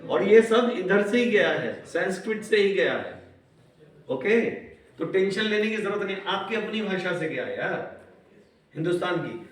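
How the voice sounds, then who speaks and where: A man teaching a class, switching between Hindi and English, quizzing his students and stretching words out slowly. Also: high-pitched, big pitch swings. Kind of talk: classroom lecture. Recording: echoey classroom, far from the mic.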